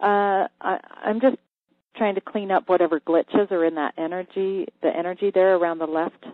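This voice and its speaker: A radio host giving an energy healing reading to a caller, calm and halting, sometimes dropping to a whisper while checking. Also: medium pitch, no room sound. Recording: thin phone-like line, dry.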